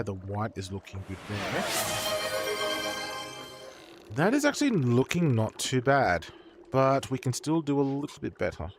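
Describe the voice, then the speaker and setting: A man streaming casual chat while painting, swearing freely and prone to excited outbursts. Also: fairly low pitch.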